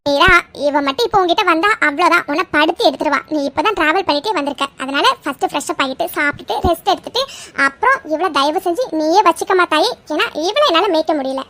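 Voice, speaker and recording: A woman's voice: very high voice, lively intonation, fast, fairly bright tone. A woman doing a teasing cartoon sister-in-law. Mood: fussing.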